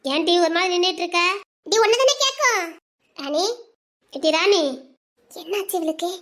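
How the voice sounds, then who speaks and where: A young woman plays a talkative village girl, teasing her friends in a fast, chattering way. Her voice sits very high, and the drama is acted in thick local dialect. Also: lively intonation, fairly bright tone. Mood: bantering.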